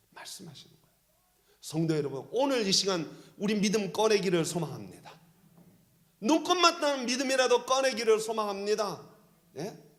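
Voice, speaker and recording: A pastor preaching a sermon with emphatic delivery that swings from loud calls down to soft near-whispers. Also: male voice, high-pitched.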